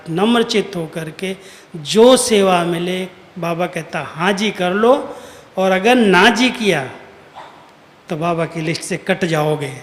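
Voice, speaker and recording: A man giving an earnest, admonishing spiritual discourse, quoting imagined listeners to make his points. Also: high-pitched. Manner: earnest, admonishing, with rhetorical quotes. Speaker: spiritual teacher. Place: large hall at a retreat. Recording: echoey hall with faint noise.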